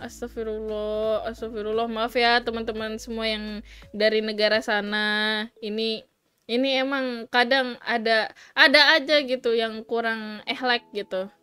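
Chatty high-voiced woman streamer. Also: fairly even intonation, measured pace, pushed and bright, smooth, dry recording. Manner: chatty, giggly, reads chat aloud; playful, teasing, mixes in English. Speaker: livestream host. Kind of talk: casual chat.

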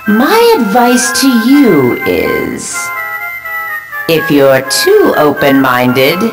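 A sly fortune-telling machine, put on by a woman, speaks in a low, drawn-out voice that swoops up and down. Each line comes slowly and teasingly. Organ music plays clearly behind her. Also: huge pitch swings, exaggerated voice, poor audio. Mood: sly, ominous. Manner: slow, sly fortune-teller patter with a creepy laugh. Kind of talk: recorded Halloween toy voice.

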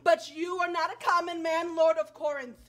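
A woman's voice: extremely high pitch, flat delivery, moderate pace, fairly bright tone, slight background noise. A young woman acting a wronged, vengeful foreign princess on stage, speaking with impassioned, tearful bitterness. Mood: pleading. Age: young adult. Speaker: student stage actor.

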